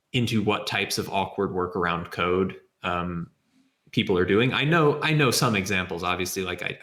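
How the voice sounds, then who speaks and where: A man who is a software developer answering questions in a live session, thinking aloud and explaining things step by step. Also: lowish voice, reverberant. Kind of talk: live Q&A with screen demo.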